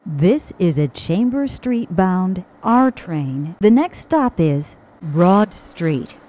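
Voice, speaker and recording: Woman announcer heard over a train loudspeaker, slow and lilting, muffled sound. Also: lowish voice, big pitch swings. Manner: measured, evenly spaced phrasing. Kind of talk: automated transit announcements. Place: inside a subway car. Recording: muffled train speaker audio.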